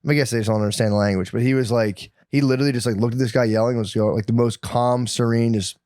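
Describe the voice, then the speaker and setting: A man's voice: mid-range voice, quick pace, no room sound, clean studio sound. A man co-hosting a casual comedy talk, telling stories with acted-out quotes and plenty of swearing. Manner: animated retelling with acted-out quotes, frequent swearing. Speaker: podcast co-host. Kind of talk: casual comedic storytelling chat.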